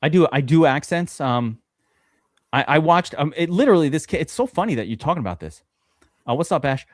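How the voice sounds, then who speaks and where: A man's voice: a little high, very animated, fairly quick, no room sound. A man, hosting a live fantasy football stream and telling a long, rambling story with lots of swearing and fillers. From USA. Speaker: podcast host drafting fantasy football. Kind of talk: casual live-stream chat.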